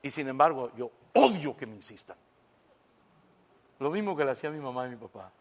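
A man preaching a sermon, lively and conversational, acting out little exchanges and dropping in English phrases. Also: mid-range voice, a little fast. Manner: animated, acts out little dialogues, mixes in English phrases.

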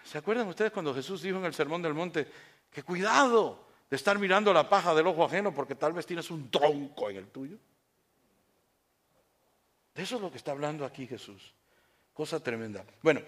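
A pastor, preaching a sermon with rhetorical questions and acted-out stories. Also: male voice, sits high, a bit bright.

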